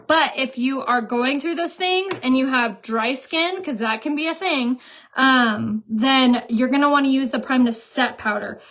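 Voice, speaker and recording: A woman's voice: high voice, a little slow, fairly bright tone. A young woman hosting a live stream, chatting casually and giggling while she sells makeup.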